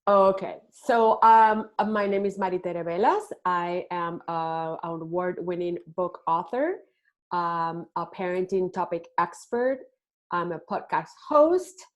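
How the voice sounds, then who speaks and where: A middle-aged woman from Puerto Rico, a parenting expert answering interview questions with hesitant pauses and many ums. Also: lowish voice. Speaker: podcast guest, parenting expert.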